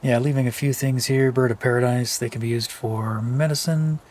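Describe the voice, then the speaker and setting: A man's voice: medium pitch, steady tone, moderate pace, a little mellow. Tired man rambling over gameplay. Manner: rambling, thinking aloud with many fillers. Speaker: let's play commentator. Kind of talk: casual gameplay commentary.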